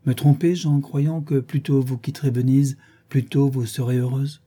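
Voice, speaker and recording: Guy doing calm devoted english gent, gentle, husky mellow voice. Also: medium pitch, normal speed, pitched above the performer's own voice, lightly acted. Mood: reassuring. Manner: gentle, reassuring. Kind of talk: audiobook reading.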